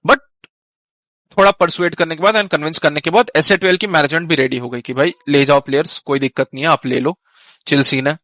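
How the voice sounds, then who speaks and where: A man's voice: on the high side, fairly even intonation, fairly quick, bright, forceful tone, no echo. A man recounting a team dispute on a live stream in casual Hinglish, mixing English phrases into his Hindi. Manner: conversational storytelling, with fillers and restarts. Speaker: esports team manager.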